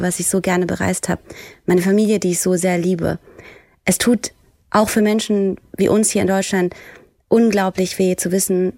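A woman journalist speaking with heartfelt earnestness, pausing and searching for her words. Her voice is close and dry, with no room around it. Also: medium pitch, vocal fry, a little mellow, no echo. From Germany. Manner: heartfelt, searching, many fillers. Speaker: journalist and presenter, guest. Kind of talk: earnest discussion.

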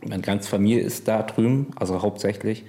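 Relaxed, plain-spoken man in easy chat. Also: on the low side, a little fast. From Bremerhaven, Germany. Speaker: podcast guest. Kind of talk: casual conversation.

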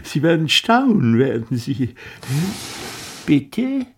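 An actor playing a chatty, affectionate old gangster sidekick with a husky voice in a German radio crime comedy. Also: male voice, fairly high pitch, sing-song, takes it slowly, heavily acted. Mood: gleeful, proud.

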